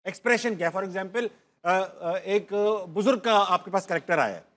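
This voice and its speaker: A male comedy talk show host in a TV studio, chatty and quick to laugh, explaining a game at length. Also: high-pitched, animated, fairly bright tone. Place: TV studio with a live audience.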